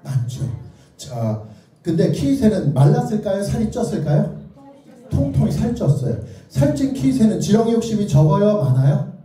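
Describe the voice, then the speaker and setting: At a moderate pace, a man's high, dark-toned voice swings widely in pitch as this children's author gives an interactive lecture. He playfully and theatrically prompts listeners with either-or questions, heard through a distant mic in a very echoey indoor lecture room.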